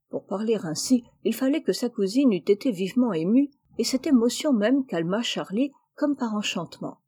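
A woman narrating a classic novel aloud as an audiobook in a measured, gentle storytelling manner. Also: medium pitch, breathy edge.

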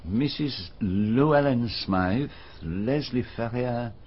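An actor playing the detective Poirot in a BBC radio drama, speaking in a precise, formal way and asking probing questions. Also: male voice, mid-range voice, takes it slowly, slight background noise, natural voice. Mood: inquisitive. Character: Poirot, fastidious middle-aged male detective. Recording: dull archive radio recording.

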